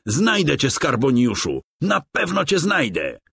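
A man's voice: low-pitched, wildly swooping pitch, normal speed, a bit bright, breathy edge, no room sound, clean studio sound, exaggerated voice. A man voicing a brave, loyal young male gnome hero in a children's game, calling out eagerly. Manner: eager, exclaiming.

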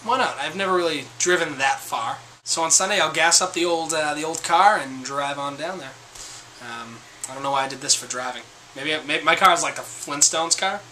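A man's voice: fairly high pitch, a little fast, bright, forceful tone, a little hiss or hum, rough recording. A young man in his twenties chatting casually to his webcam in a small room, rambling and self-deprecating. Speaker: vlogger. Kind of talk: casual chat to camera.

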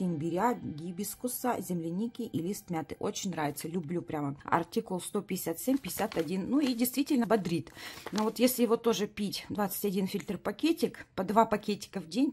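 Woman, late thirties, chatty, enthusiastic, product review, soft music behind. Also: mid-range voice. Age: 30s. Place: bright room at a table.

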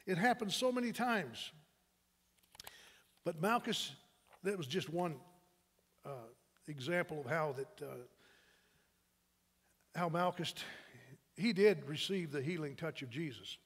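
A man with a high-pitched voice preaches a sermon from the pulpit, telling stories in a loose, conversational way and often restarting his sentences. His voice rings out with a long reverb, as in a large church sanctuary. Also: lively intonation, a little slow, long pauses, breathy edge. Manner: conversational and anecdotal, with frequent restarts. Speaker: pastor.

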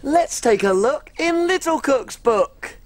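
A woman's voice: sits high, lively intonation, takes it slowly, a little hiss or hum. A woman playing a tiny, cheerful female cook on a children's TV show, bubbly and giggly, telling stories in a sing-song way. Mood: storytelling. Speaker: children's TV presenter. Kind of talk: children's TV acting and storytelling.

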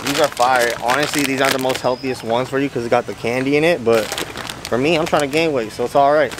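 Here a fitness vlogger talks fast in a steady, medium-pitched voice, goofing off with slang as he shops a huge warehouse store. You can hear the store's din throughout.

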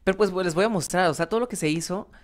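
A woman who runs a gaming channel talks quickly in a lowish voice, giving casual play-by-play that wanders and restarts often. She fills gaps freely and speaks right to her viewers, calling them "chicos."

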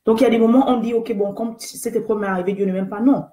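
A woman's voice: on the high side, steady tone, fast talker, warm tone. Woman giving an earnest faith talk, echoey room. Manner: earnest and exhortative, repeats key phrases, greets viewers by name. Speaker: host of an online faith talk show. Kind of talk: live-streamed motivational faith talk.

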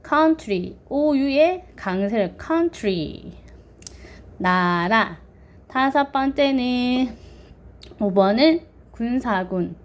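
A woman's voice: on the high side, lively intonation, extremely slow, slight background noise. A woman teaching children online, patiently counting strokes aloud and drilling pronunciation.

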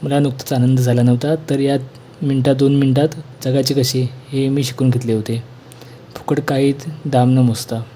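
A man reading a school textbook lesson aloud in a plain, measured way. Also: medium pitch, little pitch movement, warm tone, slight background noise.

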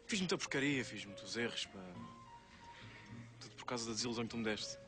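A man's voice: mid-range voice, animated, fast, music in the background, natural voice. An actor playing a sincere, repentant young man in a television soap, with a European Portuguese accent and an earnest, confessional manner. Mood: earnest, remorseful. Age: young adult. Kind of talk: television soap drama acting.

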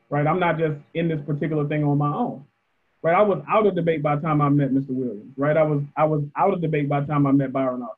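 A debate coach speaking on a panel, thoughtful, often repeating words as he starts a sentence. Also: a little high. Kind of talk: panel discussion answer. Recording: muffled phone-like audio.

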